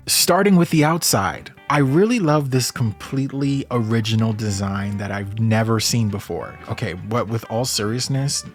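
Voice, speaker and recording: A man hosting his own vlog, chatting casually with a joking, sarcastic manner. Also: on the low side. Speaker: YouTuber reviewing a house. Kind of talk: casual chat.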